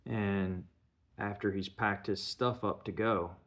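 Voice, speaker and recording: A man's voice: lowish voice, steady tone, slow pace, fairly bright tone. A man giving a casual spoken film review, retelling the scenes step by step and slipping in bits of dialogue.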